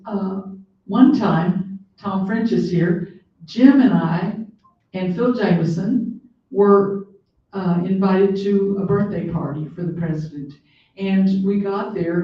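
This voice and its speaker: An older woman giving a talk as a guest speaker, telling personal stories with many fillers and restarts. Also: medium pitch. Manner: warm storytelling with frequent fillers and restarts. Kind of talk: library talk, personal reminiscence. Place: library meeting room. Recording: very echoey room, distant mic, dull sound.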